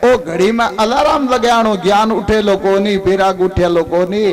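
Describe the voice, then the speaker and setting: Rajasthani male storyteller, devotional sermon, lively, keeps prompting the crowd, slow and high-pitched. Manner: lively, calls on listeners to respond. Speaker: religious storyteller.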